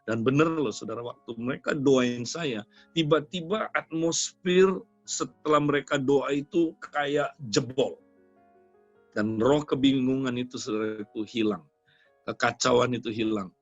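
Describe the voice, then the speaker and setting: A man's voice: medium pitch, measured pace, no echo. Older male preacher telling a story. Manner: storytelling preaching, constantly addressing listeners as "saudara". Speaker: pastor. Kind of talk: sermon. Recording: dry, dull sound with faint music behind.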